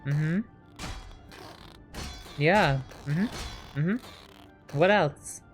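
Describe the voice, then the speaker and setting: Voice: medium pitch, drawn-out words, faint music behind. A streamer giving casual, playful live commentary while playing a game, often chatting to the characters on screen.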